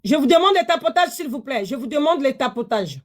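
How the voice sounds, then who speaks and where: A woman, hosting a live-stream sales pitch from her phone, chatty and repetitive, pleading with viewers. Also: lively intonation, brisk. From DR Congo.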